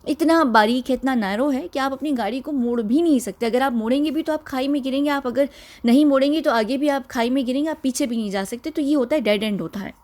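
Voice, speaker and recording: Casting: fairly high-voiced woman commentator, conversational, halting, insistent that viewers watch closely. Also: darkish tone. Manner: conversational with frequent fillers and restarts; insistent, repeatedly urging viewers to look closely. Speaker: video commentator. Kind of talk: explaining a music video scene by scene.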